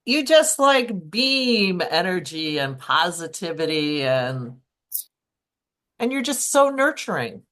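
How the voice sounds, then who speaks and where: Woman host, slightly low voice, admiring, warm affirmations, casual chat. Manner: warm and admiring, offering praise and short affirmations. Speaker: podcast host.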